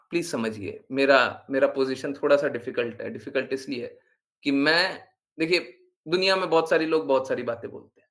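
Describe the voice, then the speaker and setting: A man's voice: a little high, a bit bright. A man giving a devotional class talk, earnest and insistent, repeating phrases for emphasis and mixing English words into his speech. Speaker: spiritual teacher.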